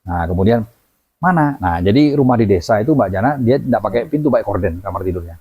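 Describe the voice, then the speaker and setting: A man telling a story as a guest in a lively way, acting out the voices of the people in it. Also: lowish voice, fast, breathy edge. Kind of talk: animated storytelling. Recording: dull lo-fi audio.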